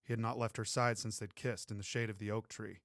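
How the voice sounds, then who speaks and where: A man's voice: on the low side, little pitch movement, a little fast, fairly bright tone, no room sound. Man reading a romance story, dry close sound. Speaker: audiobook narrator. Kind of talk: scripted narration.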